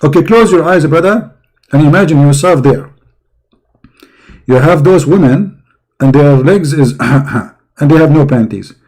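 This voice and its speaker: Man, online commentator, gravelly and dark, sarcastic and mocking, voice going hoarse. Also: on the high side, unhurried, long pauses. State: losing his voice.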